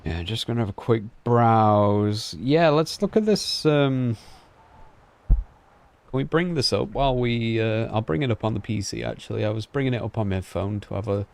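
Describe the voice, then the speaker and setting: A man streaming games, chatting and thinking aloud in a relaxed way. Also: mid-range voice, normal speed, gravelly. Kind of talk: casual reaction livestream.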